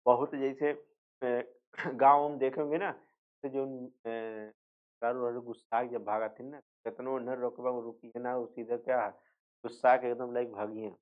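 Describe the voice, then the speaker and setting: A man's voice: mid-range voice, little pitch movement, a little slow. Male teacher, tinny phone-like sound. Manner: repetitive, asks and answers his own questions; slips into rural dialect for jokes. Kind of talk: exam revision lecture.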